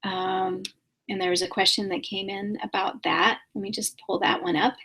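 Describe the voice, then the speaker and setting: A woman answering viewers' questions in a live-stream class, speaking patiently with many pauses and soft fillers and repeating sounds to show how they are said. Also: medium pitch, steady tone, breathy edge. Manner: demonstrates pronunciation by repeating sounds. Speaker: spiritual teacher answering questions.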